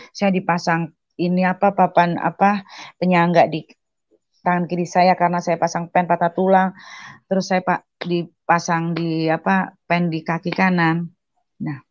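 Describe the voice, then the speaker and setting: Woman telling her story casually, lowish voice, dull dry sound, acts out the back-and-forth. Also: dry recording. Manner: animated retelling with quoted dialogue and many fillers. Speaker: guest giving a testimony. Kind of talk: personal testimony, casual storytelling.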